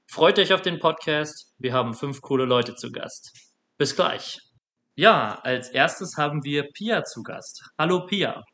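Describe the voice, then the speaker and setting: A man's voice: on the high side, animated, unhurried, pushed and bright. A young man from Germany hosting a casual student podcast and encouraging his guests. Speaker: podcast host.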